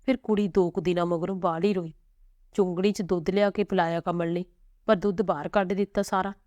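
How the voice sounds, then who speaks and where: Heartbroken older village mom, tearful and slow, low-ish dry voice, a lady reading it. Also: fairly even intonation, darkish tone, dry recording, natural voice. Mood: grieving. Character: grieving older village mother.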